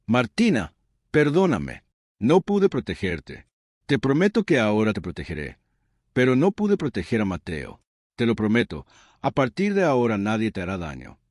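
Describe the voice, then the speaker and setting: A man voicing a grieving father, crying out anguished pleas with his voice rising high. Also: huge pitch swings, normal speed, no room sound, clean studio sound. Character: grieving father, desperate and broken.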